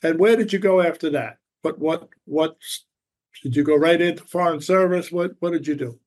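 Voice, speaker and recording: Raspy-voiced man hosting an interview. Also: a little high, a little mellow. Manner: halting, repeats words. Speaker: podcast host. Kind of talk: conversational interview.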